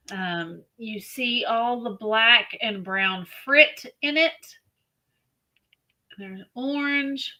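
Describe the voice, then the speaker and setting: Slow-talking bright-voiced woman auctioneer. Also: medium pitch. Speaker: co-host auctioneer. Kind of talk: casual live-stream auction chat.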